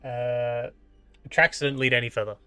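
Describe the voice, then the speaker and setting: An Australian man narrating a tabletop game as game master, casual and halting as he improvises. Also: mid-range voice, fairly even intonation, pushed and bright, clean tone.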